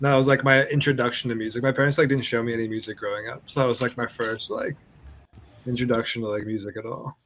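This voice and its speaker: A man's voice: medium pitch, steady tone, quick pace, fairly bright tone, slight background noise. A young man talking as a podcast guest, laid-back and full of fillers. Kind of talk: casual podcast chat.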